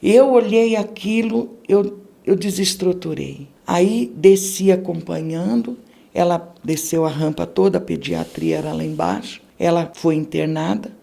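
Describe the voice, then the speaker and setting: With a fairly low, warm voice marked by vocal fry, a middle-aged woman speaks in an expressive, unhurried way as a podcast guest. Her accent is Brazilian Portuguese, and she gives an emotional religious testimony, bringing her story to life and acting out its characters.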